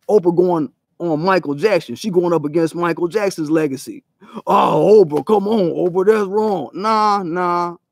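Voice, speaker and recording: A man's voice: a little high, a little mellow, dry recording, clean studio sound. A man hosting his own channel, giving a profane, emphatic commentary monologue full of rhetorical questions. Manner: mocks others in quoted voices. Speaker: channel host.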